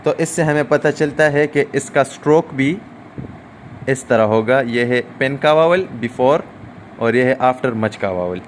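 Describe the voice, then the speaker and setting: A man teaching a recorded shorthand lesson, explaining step by step with drawn-out "aa" fillers and frequent checks like "okay?". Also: medium pitch, a little hiss or hum.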